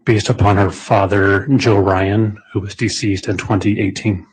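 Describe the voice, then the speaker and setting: A man's voice: lowish voice, little pitch movement, moderate pace, husky, low-quality recording. A man testifying as a witness, giving brief matter-of-fact answers, heard on a courtroom recording. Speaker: witness, federal special agent.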